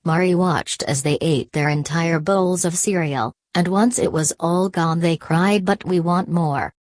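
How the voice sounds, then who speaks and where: A woman's voice: fairly low pitch, unhurried, darkish tone, no room sound, studio quality. A woman narrating a scripted superhero story as an audiobook narrator.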